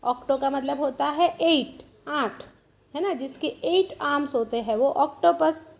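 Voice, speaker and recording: A woman's voice: sits high, a little slow, creaky. A woman teaching children cursive writing, patiently drilling letters and words in a mix of Hindi and English.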